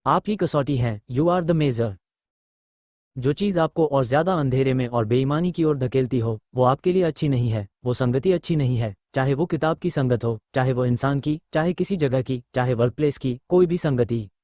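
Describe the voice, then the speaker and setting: A man's voice: medium pitch, normal speed, dark tone, no room sound, clean studio sound. A man, a spiritual teacher, answering audience questions bluntly and posing rhetorical questions.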